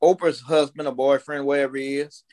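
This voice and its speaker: Speaking in a mid-range, darkish voice with a level tone, this American podcast guest in his fifties talks fairly quickly. He swaps stories casually, bluntly opinionated and prone to repeating points for emphasis.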